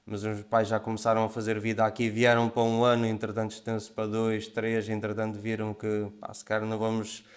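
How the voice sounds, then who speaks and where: A man in his twenties from Ukraine, a podcast guest talking in a relaxed, conversational way. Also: fairly low pitch, fast talker, hardly any pauses. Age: 20s. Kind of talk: casual interview conversation.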